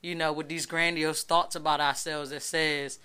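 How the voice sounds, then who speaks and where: Woman radio host, emphatic, casual, bright and smooth voice. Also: sits low, moderate pace. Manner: emphatic, animated, keeps asking "you know what I'm saying".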